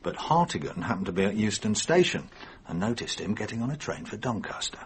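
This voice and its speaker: Low-voiced, wry English inspector. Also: male voice, very animated, a little fast, slight background noise. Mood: chatty. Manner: colloquial, wry. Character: wry, gossipy, world-weary English male Scotland Yard inspector. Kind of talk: radio mystery drama acting.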